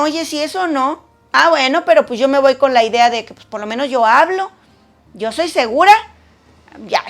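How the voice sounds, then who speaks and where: A woman giving a conversational sermon to women, animated and talkative, acting out the voices of people she quotes. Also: sits high, gravelly.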